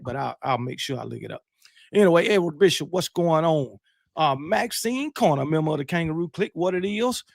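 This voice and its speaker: A man's voice: fairly high pitch, creaky, no echo, clean studio sound. A middle-aged man, casually hosting a late-night livestream, greeting viewers with slangy banter. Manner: relaxed, shout-outs, slangy banter. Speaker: livestream host.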